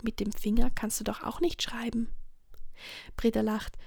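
Woman whispering a storybook, gravelly. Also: on the high side, level tone, dry recording, studio quality. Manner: soft whisper, gentle and slow, with small slips and restarts. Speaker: reader of a children's story. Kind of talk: whispered story reading, ASMR.

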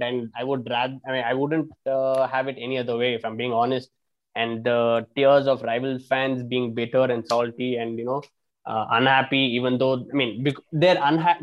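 On a casual podcast, a football fan with a mid-range voice argues his side, heard through dull audio. He is animated, restarts sentences often, leans on fillers, and swears casually.

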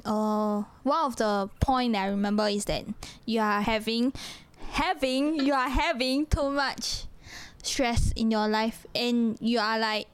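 A woman's voice: on the high side, measured pace, hardly any pauses, clean tone, no echo. A young Singaporean woman telling personal stories in casual, colloquial Singlish with sentence-ending particles.

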